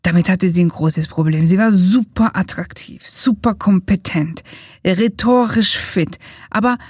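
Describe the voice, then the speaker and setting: A woman coach explaining a method and giving step-by-step advice in a lively motivational talk. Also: medium pitch, measured pace, breathy edge, no room sound, clean studio sound.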